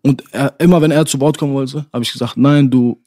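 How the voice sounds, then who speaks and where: An animated young man telling a story among friends, his voice at a middle pitch and very dry. He keeps calling his listeners "Bruder" and talks in a casual way. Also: fast, no room sound. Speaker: storyteller in a chat.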